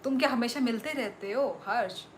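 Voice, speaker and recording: This young streamer from Tripura has a fairly high voice and a Northeast Indian accent, chatting at a moderate pace and reading viewers' comments aloud with thanks. A little hiss or hum runs under the recording.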